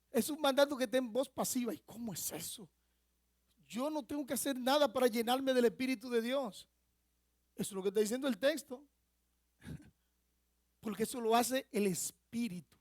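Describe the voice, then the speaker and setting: A man's voice: very high-pitched, dry recording. Male pastor preaching, dry close sound. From Dominican Republic. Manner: teaching with rhetorical questions to the congregation. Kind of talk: sermon. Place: church sanctuary.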